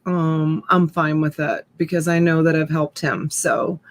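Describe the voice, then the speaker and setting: A woman's voice: deep voice, little pitch movement, a little slow, slight background noise. A woman in her fifties hosting a casual live stream, rambling and chatting with viewers as she reads their comments. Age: 50s. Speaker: live-stream reseller host. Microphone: USB desk mic.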